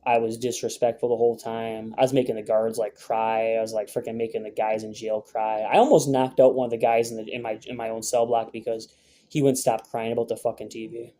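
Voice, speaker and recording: A man's voice: mid-range voice, level tone, a little fast, dark tone, a little hiss or hum. Brash, profane young man telling a story. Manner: profane, brash, rambling with many fillers. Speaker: vlogger. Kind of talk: casual storytelling to camera.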